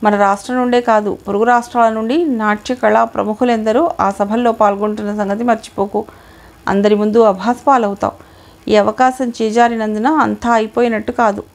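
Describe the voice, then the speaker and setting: A woman's voice: a little high, fairly even intonation, a little fast, close to an everyday voice. A woman voicing an elderly male dance teacher who firmly warns his student in an audiobook reading. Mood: stern warning. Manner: warning, firm. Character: cautious old male dance guru, stern.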